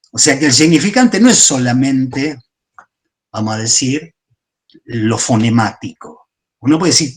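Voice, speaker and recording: Argentine man lecturing with questioning pauses. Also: mid-range voice. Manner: explanatory, asks "¿sí?" often, pauses and restarts. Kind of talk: class lecture on psychoanalytic theory.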